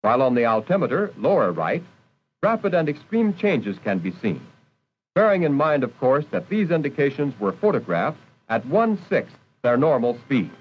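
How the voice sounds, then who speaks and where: Animated 1940s film narrator, male. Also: mid-range voice, moderate pace, husky. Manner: formal, precise, instructive. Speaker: documentary narrator. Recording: dull old film soundtrack, faint noise.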